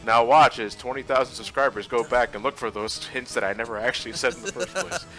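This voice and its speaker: A man's voice: medium pitch, fast, fairly bright tone, soft background music, rough recording. A man joking sarcastically through a casual game commentary with friends.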